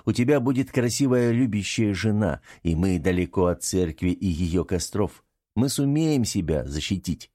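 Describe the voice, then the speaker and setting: A steady young man talks calmly and reassuringly, read by a man in an audiobook. His voice is very deep and dark. The sound is dry and close. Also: normal speed, no room sound. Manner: calm, reassuring. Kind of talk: audiobook character reading.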